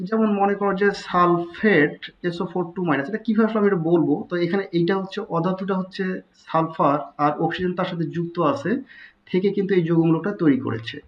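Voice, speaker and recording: Man explaining chemistry, slightly high voice. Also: fast, highs cut off. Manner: explains step by step, repeats key terms, many restarts. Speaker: chemistry tutor. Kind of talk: recorded online tutorial lecture.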